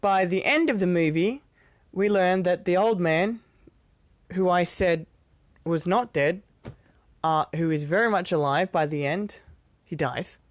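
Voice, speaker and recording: A young man with a high-pitched voice chats through a movie review. He rambles, swears casually and trips over restarts and fillers. The sound is dry and close, with no room echo. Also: measured pace, pauses often.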